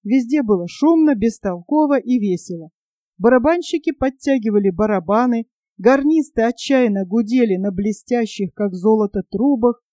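Expressive woman reading a storybook. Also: a little high, no room sound, clean studio sound. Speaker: narrator. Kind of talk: audiobook reading.

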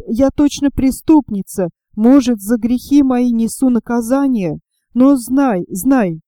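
A woman's voice: fairly high pitch, mellow, dry recording, clean studio sound. A woman reading the part of a grieving young woman, voicing her pleading, tearful lines in a storybook.

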